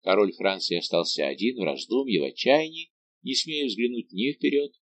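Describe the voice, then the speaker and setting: A man narrating a classic novel as an audiobook in a measured, expressive reading. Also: on the low side. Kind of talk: scripted narration.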